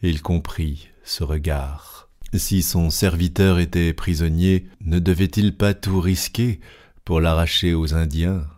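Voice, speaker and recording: A male narrator with a very deep voice reads a classic novel at an unhurried pace. His delivery is steady and deliberate, in an audiobook style.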